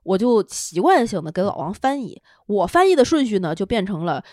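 A young woman co-hosting a casual podcast, telling a story in an animated way and acting out the quotes. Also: medium pitch, a little fast, no room sound, studio quality. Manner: animated storyteller, acts out quotes, laughs often. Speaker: podcast co-host.

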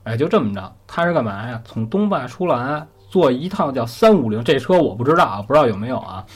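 Man, chatty storyteller, husky, lively pitch. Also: quick pace. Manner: chatty, conversational, asks the listener questions. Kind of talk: casual spoken storytelling.

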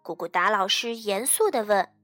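A woman storyteller reading a children's bedtime story in a slow, soothing way. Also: mid-range voice, expressive, dry recording, studio quality, faint music behind. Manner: slow, soothing, fading to soft.

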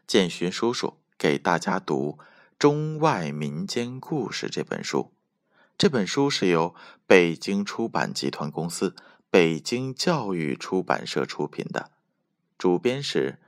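A man reading a bedtime story aloud for children, in a gentle, sing-song storytelling manner. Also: deep voice, very animated, slow, no room sound, clean studio sound.

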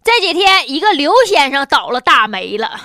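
High, bright-voiced woman with Northeastern Chinese accent. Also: big pitch swings, moderate pace, faint music behind. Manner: sarcastic, mocking, colloquial. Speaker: host. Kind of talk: comedic news commentary.

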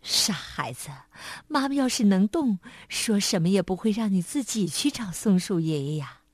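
A woman voicing a gentle, caring mother monkey in a storybook, soft and soothing. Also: expressive, normal speed, no room sound, close to an everyday voice. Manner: soft, low and soothing, partly hushed.

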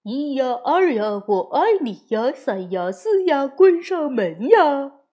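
A woman voicing a cocky, tall bully boy bear who taunts and sneers loudly in a storybook reading. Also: medium pitch, sing-song, slow pace. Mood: sneering. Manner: sneering, mocking, loud.

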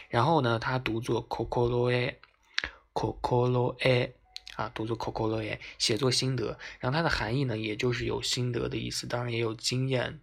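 A man hosting a language lesson podcast, explaining words patiently and repeating them slowly for learners. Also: medium pitch, vocal fry, a bit bright, breathy edge. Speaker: Japanese language teacher, podcast host. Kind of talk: casual spoken lesson.

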